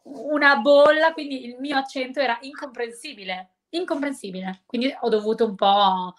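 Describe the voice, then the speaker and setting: A woman's voice: high voice, moderate pace. A woman who teaches English, chatting casually and explaining things at length. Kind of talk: casual chat.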